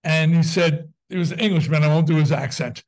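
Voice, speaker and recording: A man in his sixties, a guest musician on an interview podcast, telling stories with wry deadpan humor. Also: on the high side, poor audio. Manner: wry, deadpan jokes, brisk storytelling. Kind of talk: casual interview chat.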